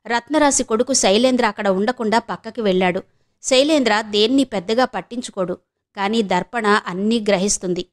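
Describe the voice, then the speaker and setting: A woman reading a novel aloud as an audiobook narrator, in a steady storytelling manner. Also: mid-range voice, fairly quick.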